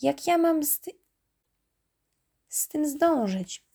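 A woman's voice: high voice, moderate pace, warm tone, breathy edge. Woman voicing a flustered male mechanic. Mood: worried.

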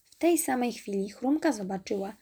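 A woman reading a children's story aloud in a calm, gentle manner, at times dropping to a whisper. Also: fairly high pitch, normal speed, slightly rough.

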